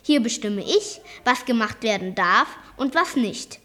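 Woman doing a furious shouting grump. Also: on the high side, animated, a little slow. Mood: angry shouting. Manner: shouting, indignant. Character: angry middle-aged male minigolf owner.

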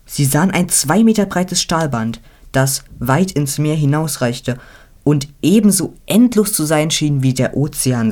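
An animated storyteller reading a children's tale aloud, with a very lively melody that rises and falls through each sentence. The delivery is expressive and playful. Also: mid-range voice. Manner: animated, voices each character.

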